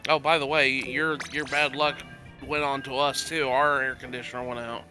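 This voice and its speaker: A man's voice: medium pitch, flat delivery, moderate pace, pushed and bright, faint music behind. Stuffy-nosed man, hesitant. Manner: hesitant, trailing off, many fillers. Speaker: guest gamer. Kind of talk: casual voice-chat conversation. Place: home, on voice chat.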